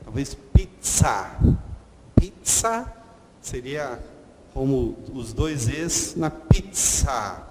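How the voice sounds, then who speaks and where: A man teaching a lesson slowly and patiently, repeating sounds and checking in with "ok?". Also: mid-range voice. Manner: slow, patient, repeats letter sounds, frequent "ok?". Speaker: Hebrew teacher. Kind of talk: online lesson at a whiteboard. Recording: long reverb and faint noise.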